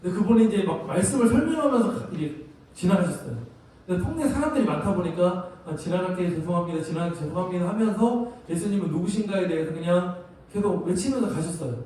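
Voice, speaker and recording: A youth pastor preaches to teenagers in a large church sanctuary, speaking conversationally and sharing stories before ending with a prayer. His voice is high, animated, warm, and fast. The recording is very echoey and picked up from a distance in the hall.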